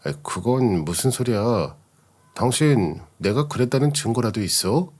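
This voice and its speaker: A man's voice: mid-range voice, animated, a little slow, a little mellow, husky. A man voicing a cheating husband who blusters and denies everything. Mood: defensive. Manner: blustering, evasive. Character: cheating husband caught out, defensive.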